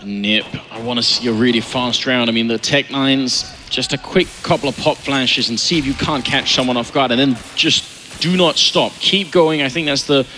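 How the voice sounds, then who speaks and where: A man commentating as an esports caster, with an urgent, excitable play-by-play delivery. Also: medium pitch, moderate pace. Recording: game gunfire and noise behind commentary. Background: video game gunfire and ambience.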